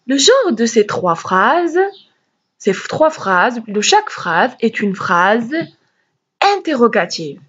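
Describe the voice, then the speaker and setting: A woman teacher giving a grammar lesson, explaining slowly and carefully and acting out questions with rising intonation. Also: on the high side, husky. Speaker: French teacher. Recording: dull, lo-fi recording.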